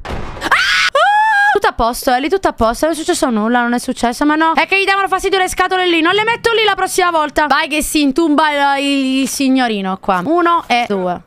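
A woman's voice: high-pitched, animated, quick pace, hardly any pauses, fairly bright tone, raised voice. A young adult woman commenting live on a horror game, jumpy, screaming and swearing at the scares and chatting with her viewers. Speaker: streamer playing a horror game.

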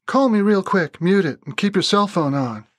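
A man's voice: high-pitched, animated, normal speed, dry recording, pitched above the performer's own voice. A man voicing a fierce young woman who speaks sharply and gives orders. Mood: commanding. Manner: sharp, commanding.

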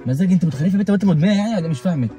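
A man's voice: high voice, lively intonation, rapid-fire, dark tone, faint music behind. A young man with an Egyptian Arabic accent, talking casually and sounding exasperated, repeating his questions. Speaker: vlogger husband. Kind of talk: casual vlog conversation.

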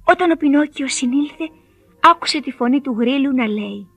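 A woman narrating a children's fairy tale in an expressive storytelling manner. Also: high voice, soft background music.

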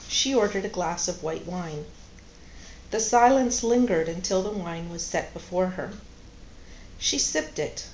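A woman calmly reading a novel aloud at home while doing a craft. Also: on the low side, roomy sound, dull audio, slight background noise. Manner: calm, steady narration. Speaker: reader and crafting channel host.

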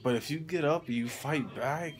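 A young adult man lies in a hospital bed after surgery, groggy from anesthesia, rambling casually and slangily to a phone held at arm's length for his vlog. His voice is a little high and his speed normal, drifting from thought to thought over hospital room background noise.

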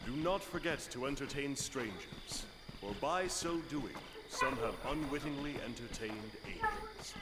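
A middle-aged game pastor, calm and caring, lively pitch, noisy audio behind. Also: male voice. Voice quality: measured, scripture-quoting.

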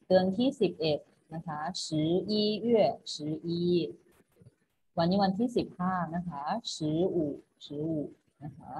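Her voice lowish and dark in tone, a woman conducts an online class, patiently going over each instruction again. Every phrase ends with a polite particle. The recording is muffled, and faint noise can be heard.

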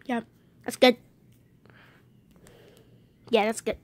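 A woman's voice: takes it slowly, a little mellow, slight background noise. A female video maker chatting casually to her viewers and playing out a scene with toys, rambling and repeating herself. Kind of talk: casual chat to camera, toy play.

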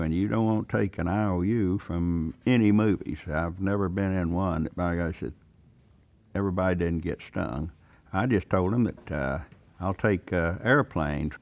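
An older man, a veteran pilot and aircraft owner, talking in a plainspoken, folksy way in a casual interview. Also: low voice.

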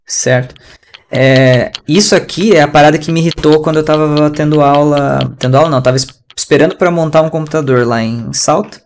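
A man's voice: a little high, brisk, slight background noise. A man with a Brazilian Portuguese accent teaching an online English class in a chatty, slangy, ranting way over a video call.

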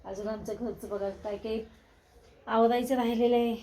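A woman's voice: on the high side, fairly even intonation, moderate pace, dark tone. An older woman chatting casually at home as a vlogger, often turning to coax a toddler. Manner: chatty, talks to toddler in coaxing tones. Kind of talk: casual home vlog chat.

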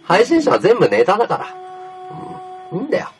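A man streaming live, chatting casually in a rough, offhand way and answering viewers' comments aloud. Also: high voice, huge pitch swings, a little fast, music in the background. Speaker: livestreamer. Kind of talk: casual livestream chat reading viewer comments.

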